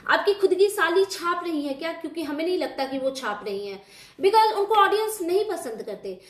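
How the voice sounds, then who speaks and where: A woman with a high voice talks through a reaction video, indignant and argumentative. She speaks straight to the person she is criticizing, in casual commentary. The sound is roomy, with a clear echo around her. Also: lively intonation, moderate pace. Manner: indignant, argumentative, addresses her target directly.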